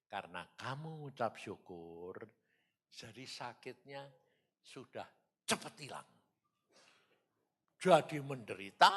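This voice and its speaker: Man, evangelist sermon, slow delivery, lively swooping pitch, bright forward voice, loud outbursts and hushed asides. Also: breathy edge. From Indonesia. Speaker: evangelist preacher. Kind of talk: sermon testimony. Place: church or studio.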